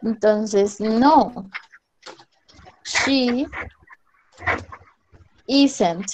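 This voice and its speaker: A woman's voice: on the high side, very slow, highs cut off, background noise. A woman teaching English on a video call, checking in often with "¿listo?". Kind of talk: online class teaching. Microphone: computer mic on a video call.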